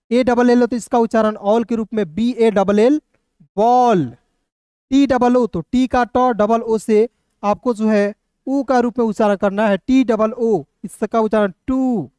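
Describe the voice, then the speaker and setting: A teacher gives an online English phonics lesson in Hindi, spelling words letter by letter and patiently quizzing viewers, whom he addresses as friends. His mid-range voice is warm, clear, and resonant, in a dry, studio-quality recording. He's patient and repetitive throughout.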